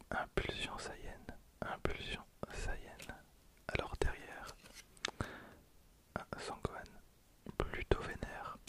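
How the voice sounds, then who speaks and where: A handheld stereo recorder, held close, picks up a young man's voiceless, breathy whisper as he hosts an ASMR video. He's in his twenties and talks through a card unboxing, keeping things hushed and slowly repeating phrases again and again.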